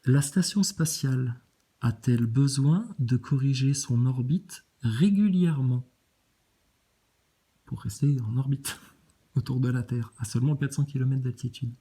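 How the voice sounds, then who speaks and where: A woman's voice: rumbling low, measured pace, dark tone, slightly rough. A woman ranting at viewer comments in a sarcastic, crude, mocking way, often laughing. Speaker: video host reacting to viewer comments.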